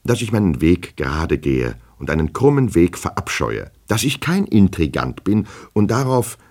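A man's voice: deep voice, sing-song, moderate pace, darkish tone, voice pushed up, heavily acted. A man voicing a nervous, fawning official who stammers and pleads, in an audiobook reading. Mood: pleading. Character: nervous, fawning male official, anxious and flustered.

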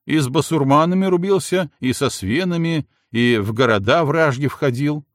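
A man's voice: on the high side, moderate pace, dry recording, studio quality, pitched above the performer's own voice, lightly acted. A male audiobook reader voicing a shy, proud young warrior who answers awkwardly and defends himself with boasts. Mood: defensive. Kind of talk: audiobook character voice.

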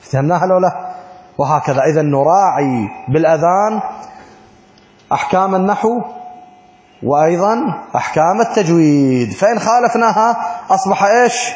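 A man's voice: high-pitched, lively intonation, fairly quick, long pauses, darkish tone. A man teaches a lesson on religious law. He stops often to quiz his students and chants sample phrases. The sound echoes with a long reverb, as in a large hall. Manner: asks students frequent check questions; chants call-to-prayer phrases as examples. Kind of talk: classroom lesson.

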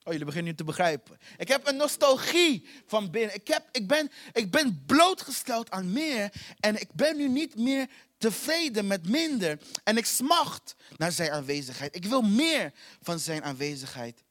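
Man preaching, high-pitched, impassioned and repetitive, dynamic volume. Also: very animated, normal speed. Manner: impassioned, repetitive, swings between soft and loud. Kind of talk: sermon.

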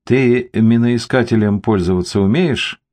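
A man's voice: medium pitch, unhurried, a little mellow, pitched above the performer's own voice, natural voice. A man voicing a terse police investigator who speaks in curt, clipped, grumbling phrases in an audiobook. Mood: curt, stern.

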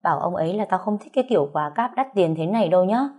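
A woman's voice: on the low side, expressive, very fast, a little mellow. A woman reader voicing a blunt young woman who pushes her friend frankly in a storybook reading. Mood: pushy. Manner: frank, teasing.

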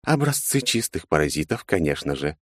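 A man voicing a tall insect-helmed alien man who is calm and polite, with a pleasant, slightly mechanical voice. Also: extremely low pitch, a little fast, no room sound, clean studio sound, full character voice. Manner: calm, polite, quietly threatening.

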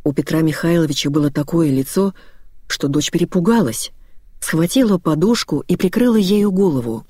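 Audiobook narrator, dramatic story reading, steady telling, mid-pitched voice, dry close sound. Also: normal speed, husky, no room sound.

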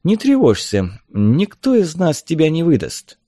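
A man's voice: on the high side, huge pitch swings, unhurried, dark tone, no room sound, clean studio sound, voice pushed up, full character voice. A man voicing a gracious, composed noble woman in a storybook reading. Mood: gentle.

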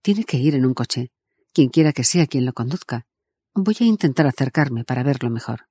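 A man voicing a defiant, sharp-tongued young woman in an audiobook, brusque and scornful and quick to swear. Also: mid-range voice, animated, husky, no echo. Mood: urgent. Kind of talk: audiobook character voice.

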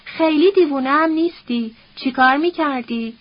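Woman narrator doing a suspicious, sulky young woman, needling and scornful; storybook, high voice, muffled audio. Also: lightly acted. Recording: dull lo-fi recording.

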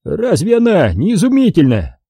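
A man's voice: high-pitched, big pitch swings, moderate pace, mellow, no room sound, studio quality, voice pushed up, exaggerated voice. A man voicing an easygoing, chatty older café owner, wheedling and jokey, in an audiobook. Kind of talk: audiobook character voice.

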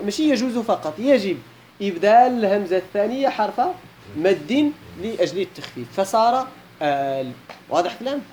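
A man's voice: high voice, a little mellow, slight background noise. A man with a Moroccan accent teaching a classical Arabic grammar lesson, posing questions to his students and repeating key points, with colloquial asides.

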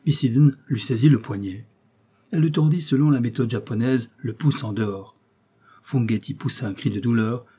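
A male audiobook narrator with a husky, dark voice, reading an adventure novel with measured, dramatic storytelling. His delivery is steady and scripted. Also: mid-range voice.

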